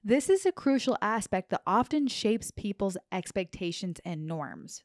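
A woman's voice: mid-range voice, dry recording. A young woman hosting a finance podcast in a small home studio, reading a script on a handheld mic with playful asides. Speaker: podcast host. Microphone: handheld dynamic mic, headphones.

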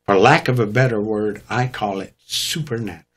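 A man's voice: lowish voice, brisk, fairly bright tone, husky. A man, a guest preacher, telling his testimony in an emphatic, dramatic preaching manner. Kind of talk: testimony storytelling.

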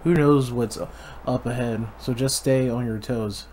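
A man's voice: medium pitch, steady tone, a little slow, a little mellow, slight background noise, lightly acted. A man putting on a cocky young girl thief with a butchered Irish accent. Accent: put-on butchered Irish. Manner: slangy, overdone accent read from on-screen text. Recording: faint game music behind.

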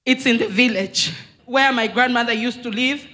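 Bright high-voiced woman testifying. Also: moderate pace. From Zambia. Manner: earnest, emphatic, retelling dialogue. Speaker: congregant giving testimony. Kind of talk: emotional church testimony. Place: large indoor church hall. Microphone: handheld mic.

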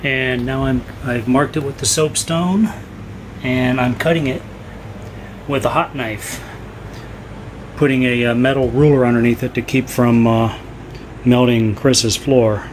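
This middle-aged man hosts a sailing channel and narrates a casual how-to as he cuts and sews canvas at home in the kitchen and living room, explaining each step and being frank about his troubles. He talks in a plainspoken way while working, with a medium-pitched, steady voice, a measured pace and long pauses. The audio is poor, with slight background noise.

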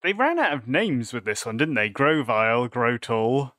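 A man's voice: mid-range voice, sing-song, normal speed, a bit bright, dry recording, studio quality. A man co-hosting a casual chat show, making wry, playful remarks. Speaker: podcast co-host. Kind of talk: casual banter among friends.

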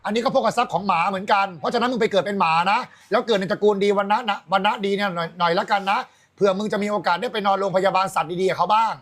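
A man's voice: high-pitched, steady tone, racing, a bit bright, no room sound. A man on a livestream, ranting in a coarse, taunting and mocking way. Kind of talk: angry livestream rant.

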